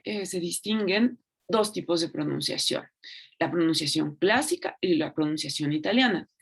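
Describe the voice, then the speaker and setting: Female lecturer, somewhat low pitch, relaxed explanatory delivery full of fillers and tag questions. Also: creaky, breathy edge. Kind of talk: online lecture on Latin pronunciation.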